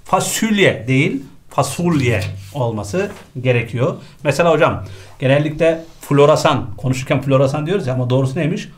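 A man's voice: on the high side, expressive, quick pace. A man teaching a spelling lesson for exam prep, quizzing a colleague and repeating each correct answer.

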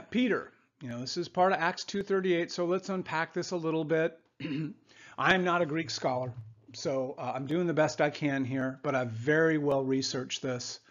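Conversational man teaching over slides, muffled audio. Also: fairly high pitch. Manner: conversational, frequent "okay?" asides. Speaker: Bible teacher. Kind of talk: slide-based Bible lesson. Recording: muffled lo-fi voice recording.

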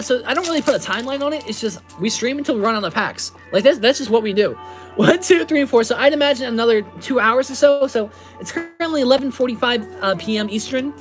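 Sex: woman. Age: 20s. Role: livestream host. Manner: upbeat, rapid, slightly high voice. Behind: faint music. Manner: upbeat, reads out card names and answers chat. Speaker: card-opening livestreamer. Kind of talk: live card-pack opening. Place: indoors at a table with a playmat.

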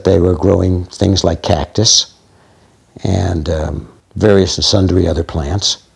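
Male landowner, gravelly and husky, blunt interview delivery. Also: low-pitched, steady tone, slow.

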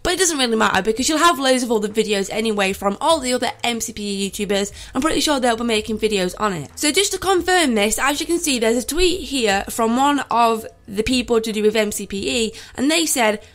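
A woman with a stuffy nose from a cold, sounding out of breath as she gives excited gaming news to her viewers. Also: a little high, a little fast, few pauses. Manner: excited, hyped-up chatter to viewers. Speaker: gaming YouTuber.

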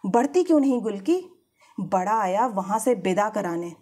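A woman voicing a fierce, domineering woman who shouts harsh orders, in a husky voice. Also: medium pitch, big pitch swings, normal speed. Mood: angry command. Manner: loud, harsh scolding.

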